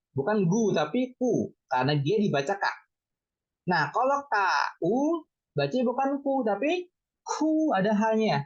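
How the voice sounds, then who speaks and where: A woman teaching a beginner Mandarin class online over a video call, encouraging students and calling on them by name. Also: on the low side. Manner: encouraging, calls on students by name, repeats syllables. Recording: slightly dull lo-fi sound.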